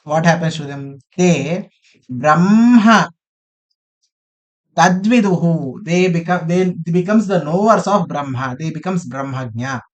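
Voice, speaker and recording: Higher-voiced man leading scripture study. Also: normal speed, highs cut off. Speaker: study group discussion leader. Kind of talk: informal scripture discussion with Sanskrit chanting and explanation.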